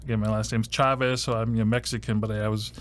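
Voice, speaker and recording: A man's voice: on the low side, flat delivery, quick pace, a little hiss or hum. A man in his fifties from Ohio, a podcast host answering interview questions in a rambling way, full of "you know" and dry jokes, recorded in a podcast studio. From Ohio, USA. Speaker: host and first-year university advisor.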